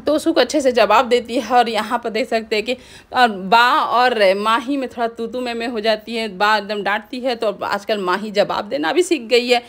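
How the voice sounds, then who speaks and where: A woman's voice: fairly high pitch, fairly bright tone. A woman casually retelling the events of a TV serial episode, stringing scenes together with frequent restarts. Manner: fast retelling with restarts and pointing phrases. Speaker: TV serial recap narrator.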